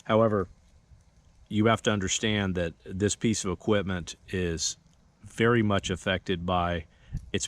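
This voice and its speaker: In a dry recording, a low-voiced man walks through a radio equipment tutorial, explaining the gear methodically and instructionally.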